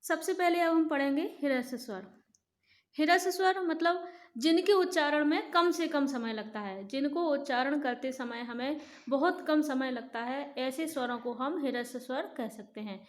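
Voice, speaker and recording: A woman teaching a grammar lesson to children, speaking slowly and clearly and repeating lists of sounds for her pupils. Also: sits high. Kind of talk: classroom lesson.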